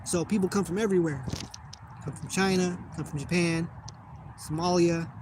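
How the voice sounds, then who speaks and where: A man's voice: fairly high pitch, fairly even intonation, normal speed. A young American man in a casual monologue, swearing a lot and rambling as he loses his train of thought. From United States. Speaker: vlogger. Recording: noisy background.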